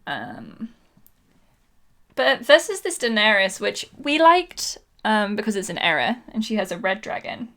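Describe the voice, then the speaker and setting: A woman's voice: medium pitch, big pitch swings, moderate pace, pushed and bright. A woman co-hosting a podcast, chatting casually and playfully with lots of ums and laughter. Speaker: podcast co-host. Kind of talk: casual chat.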